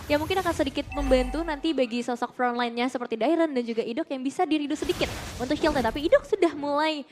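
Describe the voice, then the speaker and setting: Female Indonesian esports analyst-caster, high pitch, brisk delivery, chatty and agreeable with co-casters. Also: over music. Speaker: esports commentator. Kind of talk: analytical esports commentary in casual chat.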